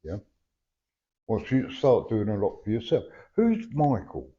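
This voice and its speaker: Toothless bloke doing a psychic reading, mellow low voice, blunt n chatty, keeps checking in. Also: male voice, wildly swooping pitch, a little slow. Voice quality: toothless, slightly slurred words. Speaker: spirit medium giving a reading. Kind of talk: live mediumship reading, conversational. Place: live event before a sitter. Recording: dull, lo-fi live recording.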